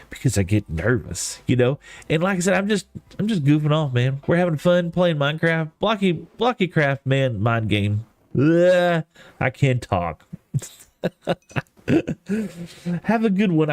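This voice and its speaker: A man from East Texas with a Texan accent livestreams a game, rambling casually in a folksy, self-deprecating way. His voice sits on the high side and has no room sound. Soft lofi music plays behind his stream chat.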